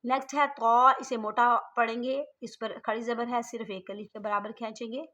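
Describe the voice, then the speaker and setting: A woman gives a patient online recitation lesson, her voice bright and fairly high. She explains each letter calmly and stretches the sounds out long when demonstrating. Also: moderate pace. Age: middle-aged. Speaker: online Quran reading teacher. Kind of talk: slow step-by-step recitation lesson.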